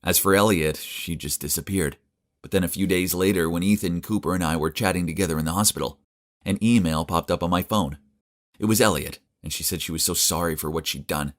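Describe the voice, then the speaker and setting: A young man narrating a dramatic first-person story in a confiding tone. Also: sits low.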